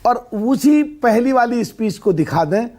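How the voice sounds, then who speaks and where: Male TV panelist, high voice, long-winded, example-driven. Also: expressive, a little slow, a little mellow. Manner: long-winded, builds points through examples, pleads not to be interrupted. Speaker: political debate panelist. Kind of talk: heated TV debate argument.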